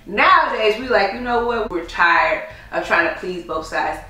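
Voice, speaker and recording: A woman's voice: mid-range voice, lively intonation, normal speed, bright, forceful tone, faint music behind. A woman co-hosting a podcast in casual chat, emphatic and outspoken. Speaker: podcast co-host. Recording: echoey room, mic far off.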